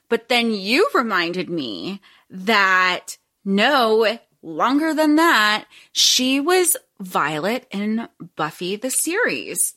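A woman's voice: mid-range voice, pushed and bright. A woman co-hosting a casual podcast, talking in an effusive, rambling, emphatic way, recorded with echo away from her usual studio. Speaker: podcast co-host. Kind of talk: casual book and fandom podcast chat. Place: temporary recording spot while traveling.

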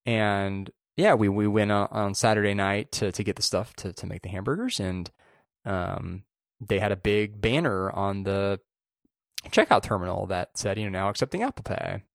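A man's voice: fairly low pitch, steady tone, moderate pace, no room sound, clean studio sound. A man co-hosting a podcast, chatting casually about tech news and often restarting his phrases. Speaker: podcast co-host.

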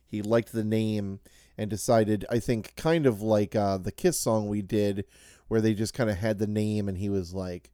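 A man's voice: fairly low pitch, steady tone, moderate pace, warm tone, smooth, dry recording, studio quality. A man co-hosting a casual podcast chat, reading out song facts with fillers and joking asides. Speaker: podcast co-host.

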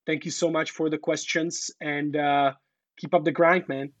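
A podcast guest from the talks in a relaxed, rambling way, padding his points with fillers. His voice sits fairly high with little melody, and the recording is dry and close. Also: moderate pace, no room sound. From Czech Republic. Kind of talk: casual interview talk.

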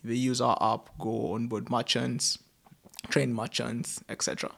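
A startup founder from the outskirts of Nairobi, Kenya, speaks with a Kenyan accent as an interview guest, telling stories casually in informal, slangy speech. His mid-range voice is a bit bright with vocal fry, little pitch movement, and a slightly slow pace.

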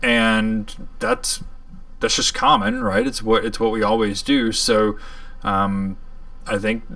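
A man co-hosting a podcast, talking politics in a casual, conversational way with lots of fillers and sudden animated rises in pitch. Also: slow, gravelly, dry recording, distant mic. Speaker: podcast co-host.

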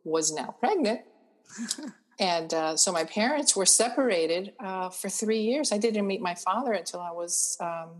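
A woman's voice: mid-range voice, animated, measured pace. A retired woman, a grandmother, born in Cuba, chatting casually as a guest and telling her family story with frequent fillers. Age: older. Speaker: guest author. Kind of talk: casual conversation.

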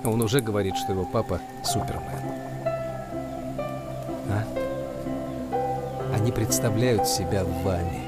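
A man's voice: lowish voice, unhurried, pauses often, loud music behind the voice, lightly acted. A man playing a blunt, reflective middle-aged football coach in a film drama.

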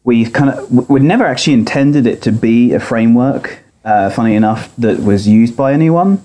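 A man explaining technical work as a podcast guest, recorded through a laptop speaker rather than a proper microphone, in a measured conversational way. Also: mid-range voice, dark tone. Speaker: podcast guest, software architect. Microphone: laptop's built-in audio, not a microphone. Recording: picked up by laptop speaker, poor audio.

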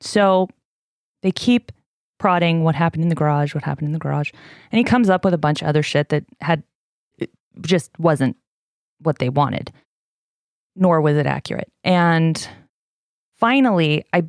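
Woman podcast host, lowish voice, animated, swears, dry close sound. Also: no room sound. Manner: animated, gets heated and swears. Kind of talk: casual chat retelling a case.

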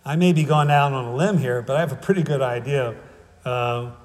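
A man's voice: medium pitch, a little fast, big-room sound. A man preaching a sermon in a casual, conversational way, with wry humor, often checking in with "right?" and "okay?".

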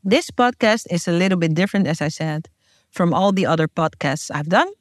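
Heartfelt and emphatic, a Dutch-native woman talks a little fast with lively intonation in her lowish voice. Acting as podcast host and guest, she moves from a scripted intro into casual chat, recorded with clean studio sound and no echo.

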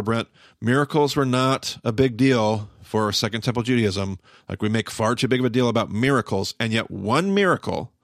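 A man's voice: mid-range voice, fairly bright tone, dry recording, studio quality. A man co-hosting a podcast, giving casual commentary with emphatic, repetitive phrasing. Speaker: podcast co-host.

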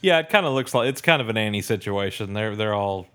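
A man's voice: fairly low pitch, lively intonation, quick pace, fairly bright tone, smooth. A man co-hosting a casual podcast, talking in a dry, wry, explaining way. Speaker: podcast co-host and father.

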